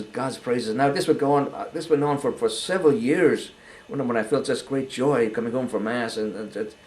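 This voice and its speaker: An older man giving a halting, earnest personal testimony, often repeating words as he goes. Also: medium pitch, darkish tone, low-quality recording. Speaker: interviewee.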